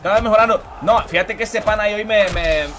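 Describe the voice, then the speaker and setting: A young man streaming a fighting game live, hyping his plays and greeting viewers by name in an excitable, slangy way. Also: high-pitched, fast, background noise. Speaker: livestream gamer. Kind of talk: live gameplay commentary. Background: game music.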